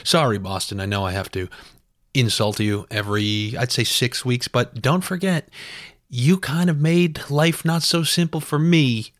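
A man, hosting a comedic podcast monologue. He rants sarcastically, pokes fun at himself and rambles through his stories in an average-pitched voice. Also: unhurried, no room sound, clean studio sound. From New York. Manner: sarcastic, ranting, self-deprecating. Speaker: podcast host.

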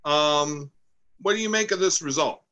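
A man's voice: fairly high pitch, normal speed, pushed and bright, lo-fi sound. A man co-hosting a casual political chat show, joking and rambling with playful asides. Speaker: podcast co-host. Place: home, recorded remotely.

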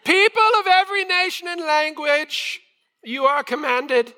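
A man doing a booming high royal herald. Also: expressive, measured pace, pushed and bright, heavily acted. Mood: proclaiming. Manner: booming proclamation. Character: loud pompous male royal herald. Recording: long church hall reverb.

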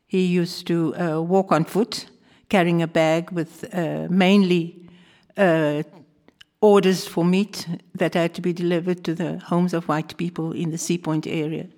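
A retired older woman with a South African accent, recounting her family background in a composed, measured way. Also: on the low side, flat delivery, darkish tone. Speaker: guest. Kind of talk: conversational family interview.

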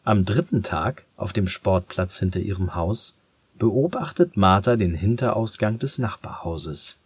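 A man narrating a children's story in a calm, measured way. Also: on the low side, breathy edge, no echo.

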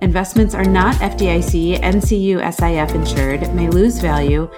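Music plays clearly behind a woman with a fairly low voice. She presents as a podcast host, reading from a script. Her delivery is formal, measured and orderly. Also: fairly even intonation.

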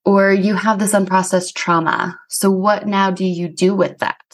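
A woman's voice: medium pitch, little pitch movement, normal speed. Woman podcast host and bodywork practitioner; earnest, casual, reflective solo talk, filler-heavy. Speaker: somato-emotional release practitioner. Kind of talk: reflective personal monologue.

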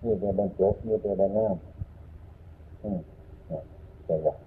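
A man with an Isan accent giving an unhurried Buddhist dharma talk as a monk, repeating his points and humming between phrases. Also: low-pitched. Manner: unhurried, repetitive teaching with frequent hums. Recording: tinny phone-like lo-fi sound with faint noise.

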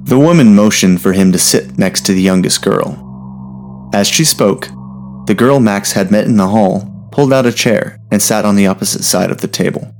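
A man narrating a story in a steady, measured reading voice. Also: lowish voice.

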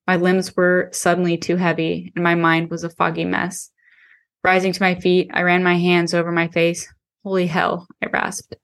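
A woman with a low voice and a gravelly edge reads her own fantasy novel aloud. She keeps her delivery level and measured, with little rise and fall in pitch. It sounds like a close, simple podcast reading. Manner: steady, measured reading with occasional restarts. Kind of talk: first-person audiobook narration.

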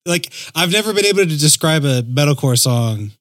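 A man's voice: a little high, expressive, fairly quick, a bit bright, dry recording, studio quality. A man chatting casually as a music podcast co-host, agreeable and slangy. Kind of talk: casual chat.

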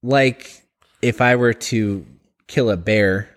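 A man's voice: fairly low pitch, takes it slowly. A man co-hosting a podcast in casual chat, dry and a bit sarcastic. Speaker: podcast co-host.

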